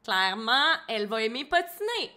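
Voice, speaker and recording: Quebecois girl reacting to clips, high bright voice, blunt and excitable, swears a lot. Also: normal speed. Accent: Québécois French. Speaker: host reacting to show clips. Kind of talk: casual reaction commentary.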